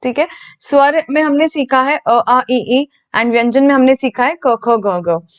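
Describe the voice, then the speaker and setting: High-voiced woman teaching phonetics. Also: fairly even intonation, measured pace, lo-fi sound. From India. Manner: patient, explains step by step and asks the viewer questions. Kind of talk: video lesson, mixing Hindi and English.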